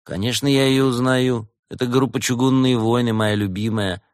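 A man's voice: mid-range voice, steady tone, moderate pace, no echo, clean studio sound, voice pushed up, natural voice. A man voicing a bored, offhand teenage male puppy in a storybook reading. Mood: sulky. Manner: sulky, offhand.

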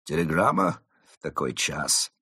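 A man's voice: low-pitched, very animated, slow, fairly bright tone, breathy edge, no echo, studio quality, full character voice. A man voicing a timid male raccoon archaeologist who sounds anxious and indignant. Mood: wary.

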